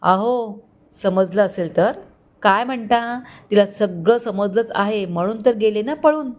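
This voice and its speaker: A woman voicing a shrill, scheming middle-aged aunt who shouts in a spoken story. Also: a little slow, lightly acted. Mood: sneering.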